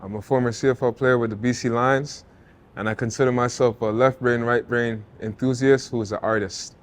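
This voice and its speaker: This interview guest is a thirtysomething former football player and artist from Jamaica who grew up in Toronto. His mid-range voice moves briskly through relaxed, earnest, reflective talk. Fillers like "you know" and "like" come up often, and he restarts some phrases.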